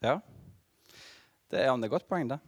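A middle-aged man preaching a sermon as pastor, telling a story with lively asides and laughter to the congregation. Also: medium pitch, no room sound, studio quality.

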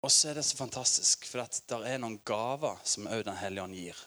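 A Norwegian man in his forties preaching a sermon in a church, telling stories with lively energy and laughter. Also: lowish voice. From Norway. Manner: lively storytelling with laughter, acted quotes.

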